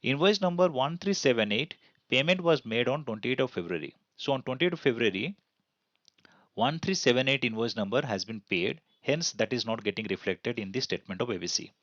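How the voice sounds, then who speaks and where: An accounting instructor with an Indian accent teaches over slides, posing questions and then answering them himself in a didactic, explanatory style. His medium-pitched voice is brisk, lively in intonation, and a bit bright. The recording has no echo but sounds muffled.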